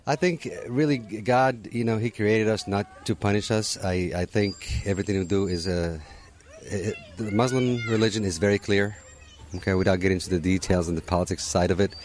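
Speaking with a fairly low pitch and a fairly quick delivery, this Moroccan man fields questions at an outdoor holiday get-together. He's easygoing and conversational, with frequent restarts and plenty of "you know."

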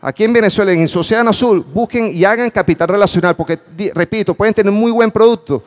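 A man's voice: high voice, fast talker. A man giving a motivational talk at a conference, asking his audience questions and stressing his points with emphasis. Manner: emphatic, calls for audience response. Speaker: conference speaker. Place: conference hall with a live audience.

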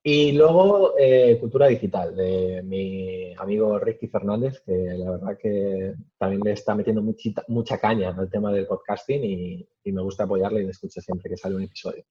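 A man answering interview questions casually, with many fillers and pauses. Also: fairly low pitch, mellow, husky, dull audio. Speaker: podcast guest.

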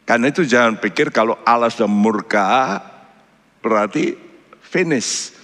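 A male pastor preaching a sermon, slow and emphatic, his voice swinging from soft to loud. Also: medium pitch, expressive. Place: church. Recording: long church reverb.

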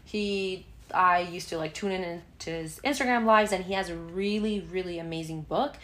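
A woman's voice: lowish voice, normal speed, fairly bright tone. Chatty young woman in an echoey room. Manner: chatty, many fillers. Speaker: podcast co-host. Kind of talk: casual chat.

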